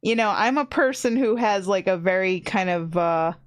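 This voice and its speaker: A woman's voice: mid-range voice, normal speed. Chatty woman streamer rambling with "like". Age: 30s. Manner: chatty, rambling, fills with "like", laughs often. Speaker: VTuber streamer. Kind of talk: casual stream chat.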